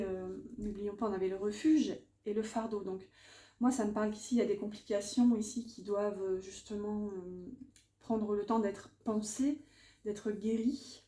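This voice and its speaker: In an echoey room with a faint hum of noise, a woman mutters and chats her way through a relaxed oracle card reading, dropping fillers as she sets down each card. Her medium-pitched voice is mellow and steady, moving at a moderate pace.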